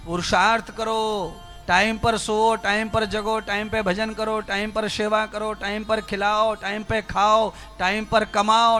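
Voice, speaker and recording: A fervent male preacher with a strikingly high, bright, ringing voice delivers a spiritual discourse. He talks straight to his listeners with rhetorical questions. Faint music plays behind him. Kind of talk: Hindi religious discourse.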